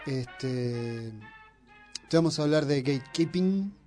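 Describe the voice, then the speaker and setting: Soft music plays behind a man with a dark, mid-range voice who speaks slowly but with animation. He's hosting a radio show in Argentine Spanish, needling his co-host and launching into long, provocative political lectures in an argumentative, opinionated style.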